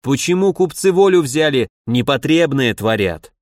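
A man's voice: a little high, expressive, moderate pace, no echo, studio quality, lightly acted. A man voicing a stern, imperious police chief who scolds and commands, in an audiobook reading. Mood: scolding.

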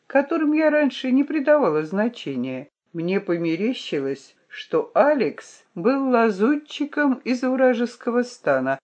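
A woman reading a first-person audiobook narration in an expressive storytelling manner. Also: medium pitch, lo-fi sound.

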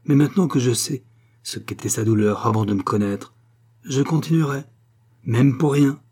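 A man reading the part of a pale male spirit medium who answers in a calm, low voice. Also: normal speed, natural voice.

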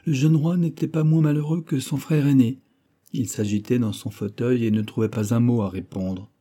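Male audiobook narrator, deep mellow tone, measured and grave delivery. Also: fairly even intonation. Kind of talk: literary audiobook reading.

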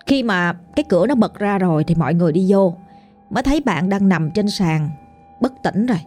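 A woman's voice: medium pitch, expressive, brisk, a little mellow, faint music behind. A woman with a Southern Vietnamese accent narrating a ghost story in a chatty, colloquial way, addressing the listener directly.

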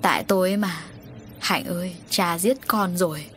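A woman's voice: fairly low pitch, moderate pace, a bit bright, slight background noise, lightly acted. A woman voicing a guilt-stricken middle-aged father in an audio story. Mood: anguished. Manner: anguished, pleading.

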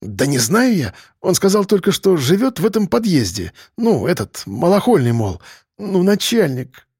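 A man's voice: high-pitched, big pitch swings, moderate pace, darkish tone, slightly rough, no room sound, clean studio sound, pitched above the performer's own voice, exaggerated voice. A man voicing a frightened petty pickpocket who whines and pleads in street slang. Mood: pleading. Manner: whining, pleading, criminal slang.

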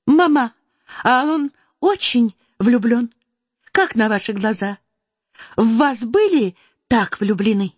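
A woman reading a storybook voices an impulsive, playful teenage girl who talks in an excited, insistent way. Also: a little high, slow, pauses often, slightly rough, dry recording, pitched above the performer's own voice, exaggerated voice. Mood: eager. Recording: slightly dull dry recording.

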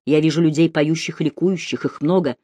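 A woman's voice: low voice, steady tone, brisk, warm tone, dry recording. A woman reading a frantic older male goldsmith who cries out in dread at his visions. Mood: awed.

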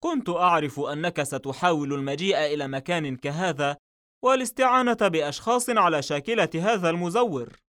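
A man reading an audiobook novel, voicing a calm, confident male police detective in a raised voice. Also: a little fast, lightly acted. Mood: commanding. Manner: calm and assured, slightly raised pitch.

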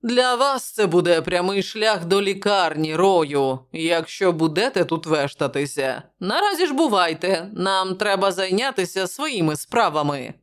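A woman's voice: fairly low pitch, animated, measured pace, few pauses. A woman voicing a jovial, wry male journalist who talks in a bantering way.

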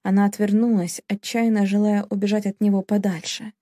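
A woman's voice: medium pitch, flat delivery, fairly quick, warm tone, dry recording, studio quality. A woman narrating a novel as an audiobook, in a dramatic storytelling manner. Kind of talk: scripted narration.

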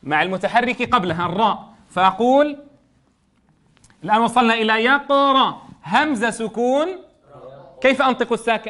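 A middle-aged man teaching a classroom phonics lesson. He spells syllables aloud in a slow sing-song and explains quickly in between. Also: high-pitched, fairly bright tone. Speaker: Quran reading teacher.

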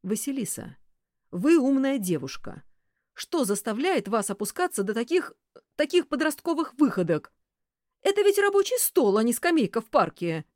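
A woman voicing a stern, reproachful male boss in an audiobook, with a lively, expressive delivery. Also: mid-range voice, normal speed, hardly any pauses, no room sound, studio quality, voice pushed up, lightly acted. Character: stern male boss, cold then furious.

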